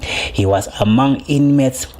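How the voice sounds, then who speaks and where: A man narrating a news feature in a measured, scripted delivery. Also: mid-range voice, darkish tone. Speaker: news reporter.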